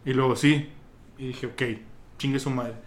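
A young man with a Mexican accent, telling friends a story in a casual, slang-heavy, animated way. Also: medium pitch, moderate pace. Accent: Mexican Spanish. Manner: vulgar slang-heavy, animated retelling with laughs.

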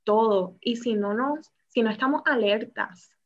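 Woman host, reflective and affirming, slightly high voice, muffled podcast sound. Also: a little slow. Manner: warm affirming interjections, reflective. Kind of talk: podcast conversation. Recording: slightly dull podcast audio.

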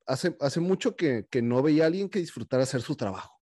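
A man's voice: medium pitch, fairly quick. A man tells anecdotes from his recruiting job in loose, slangy conversation. His voice is close and dry, with no room echo. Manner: anecdotal, slangy, animated storytelling. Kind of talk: casual conversation.

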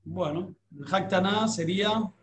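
High-voiced man asking questions. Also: measured pace, a bit bright, echoey room, a little hiss or hum. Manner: hesitant, with fillers. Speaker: host.

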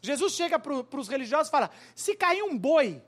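A male pastor preaching with a high-pitched voice. He tells the story in an animated, humorous way. He slips in and out of the characters' voices as he goes. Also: moderate pace. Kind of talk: sermon.

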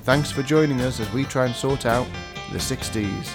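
With music behind him, a male podcast host speaks at a moderate pace in a mid-range voice, nasal from a cold. Chatty and self-deprecating, he delivers a scripted intro and then casual podcast chat.

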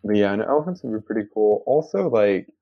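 Talking fast with lively intonation, this lowish-voiced American man keeps things loose and playful in a casual chat, leaning heavily on "like" as filler. The sound is dry and a little dull.

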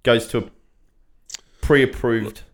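A man's voice: mid-range voice, steady tone, slow pace. A man co-hosting a casual podcast, making dry, wry asides. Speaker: podcast co-host.

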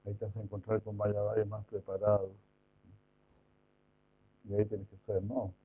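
A man's voice: fairly low pitch, completely flat delivery, normal speed. A man giving an informal devotional lecture, chatty, full of rhetorical questions and mock imitations. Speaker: devotional preacher. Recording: tinny phone-like sound.

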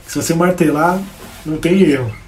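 A man's voice: a little high, fairly quick. A Brazilian man teaching guitar on a live stream in a casual, chatty way, greeting viewers by name as he plays. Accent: Brazilian Portuguese. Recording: echoey room with guitar playing.

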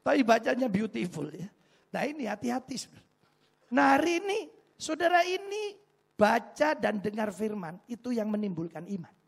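A man preaching in a high, gravelly voice with a husky edge. He mixes jokes with rhetorical questions to his congregation, building a lively, engaging sermon. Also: normal speed. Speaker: pastor.

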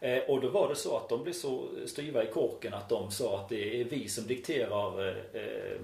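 A man in casual conversation who tells relaxed anecdotes and uses frequent hesitation fillers. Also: mid-range voice, gravelly. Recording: roomy echo.

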